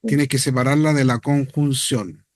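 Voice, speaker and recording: A man's voice: medium pitch, steady tone, normal speed, darkish tone, no room sound. A man teaching a Hebrew class, explaining step by step and checking that students follow.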